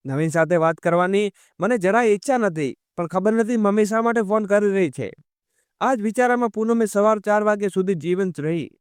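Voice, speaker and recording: A man narrating a scripted story in a steady, measured storytelling manner. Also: high voice, clear, resonant tone, no room sound, studio quality.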